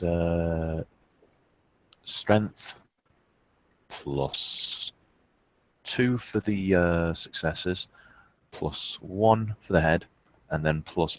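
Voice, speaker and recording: A man running a tabletop role-playing game as storyteller, explaining rolls with many pauses and fillers. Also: sits low. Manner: hesitant, lots of fillers.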